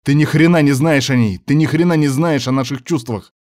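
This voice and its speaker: A man doing a heated brother shouting back. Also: on the high side, a little fast, voice pushed up, lightly acted. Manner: urgent, shouting. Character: heated man defending his love to his brother.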